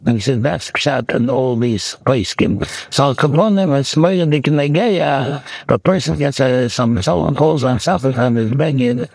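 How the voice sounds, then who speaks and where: A man teaching a religious law lesson, explaining in quick bursts and often restarting his words. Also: medium pitch, gravelly, a little mellow, breathy edge, dry recording, poor audio. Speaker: Torah teacher. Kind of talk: halachic lecture.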